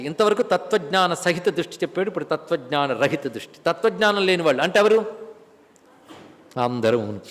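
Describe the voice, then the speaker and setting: Male spiritual teacher, fairly high voice, rhetorical questions and chanted verses, long hall reverb. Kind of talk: religious discourse on scripture.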